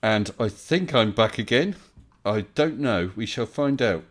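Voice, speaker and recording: A man's voice: on the low side, expressive, a little slow. Polite, chatty male live stream host. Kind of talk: casual live stream chat.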